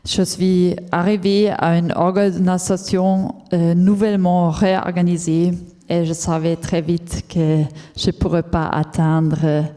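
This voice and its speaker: A woman who isn't a native French speaker gives a conference talk telling her own story as an entrepreneur. Her voice is mellow and on the low side, and she speaks carefully and haltingly, with lots of fillers and restarts. The large lecture hall adds a long reverb.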